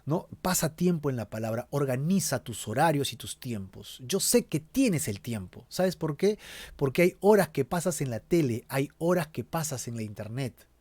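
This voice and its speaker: A man's voice: mid-range voice, lively intonation, normal speed, darkish tone, slightly rough, dry recording. A man preaching a Bible study sermon, earnestly addressing the listener directly as a pastor.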